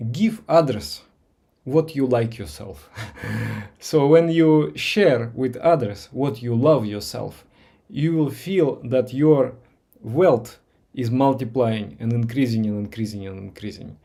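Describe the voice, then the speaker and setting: Guiding viewers through meditation live, a man whose first language is Russian talks in a slow, gentle way with frequent pauses, filler words and repetitions. He has a creaky, mid-range voice.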